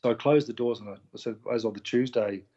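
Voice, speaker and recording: A man with a New Zealand accent, appearing as an interview guest, tells his story in casual conversation. He's animated, acting out the voices of the people he quotes. His mid-range voice moves at a quick pace, and the recording sounds muffled.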